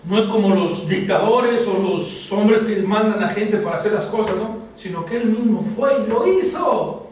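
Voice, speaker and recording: A man's voice: sits high, animated, moderate pace, darkish tone, a little hiss or hum. A man preaching a sermon, often asking the congregation questions and calling for answers. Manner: asks the congregation questions and calls out for responses. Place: church hall. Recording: echoey hall, mic far off.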